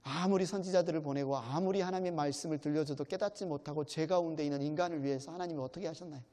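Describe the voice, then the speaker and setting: A man's voice: on the high side, very fast, warm tone. A male pastor preaching a sermon in a church, earnest and addressing the congregation directly with questions. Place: church sanctuary. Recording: long church hall reverb.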